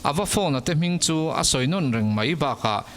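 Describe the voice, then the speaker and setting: This Mizo-speaking man's voice sits on the high side, with lively intonation and a moderate pace as he tells scripted mystery stories. Music plays in the background, and the sound has a long reverb.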